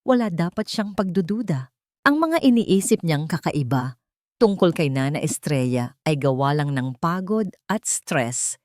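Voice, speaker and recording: A woman reads a dramatic story aloud from a script in a lowish, expressive voice whose pitch moves widely. Her pace is a little slow, and the sound is close and dry with no echo.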